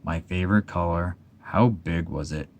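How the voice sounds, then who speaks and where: A man voicing Eeyore, a gloomy old male donkey in a storybook reading, speaking in a slow, mournful murmur. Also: low-pitched, slight background noise.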